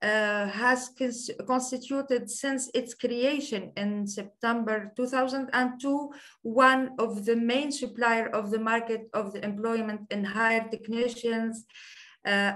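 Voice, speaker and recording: Tunisian woman lecturer, French-accented English, slow and halting over a video call, slightly high voice. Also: fairly bright tone. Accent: French-influenced English. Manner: hesitant, many fillers. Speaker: business lecturer. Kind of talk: online lecture presentation.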